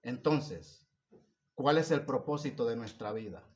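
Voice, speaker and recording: A male preacher delivers a sermon in a mid-range voice. He builds to loud, emphatic peaks and then drops to soft, hushed passages, pressing his listeners with rhetorical questions. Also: medium pitch, lively intonation, a little slow, muffled recording. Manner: asks the congregation repeated rhetorical questions.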